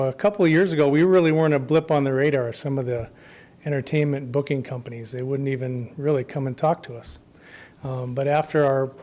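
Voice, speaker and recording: Addressing a city commission during public comment in the council chamber, a festival co-chair with a mid-range voice is losing his voice and going hoarse. He speaks informally with many ums, his phrases trailing off quietly at the ends.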